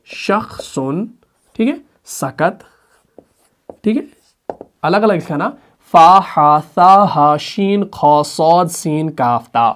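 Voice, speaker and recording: A man's voice: high voice, a little mellow. A man teaching recitation rules in a classroom lesson. He asks questions, answers them himself and repeats sounds to demonstrate. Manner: patient and methodical.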